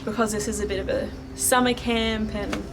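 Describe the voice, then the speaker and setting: A woman's voice: mid-range voice, fairly even intonation, normal speed, vocal fry, background noise. A woman talking to camera as the host of a paranormal investigation vlog, moving between narration and casual chat. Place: outdoors at night on camp grounds.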